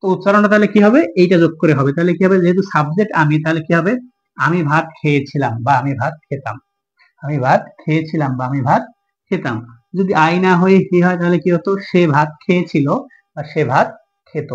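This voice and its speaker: A male teacher with a Bangladeshi Bengali accent runs a grammar lesson at a brisk clip. He keeps posing questions and answering them himself, in a high voice on a dull, lo-fi recording. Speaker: English teacher.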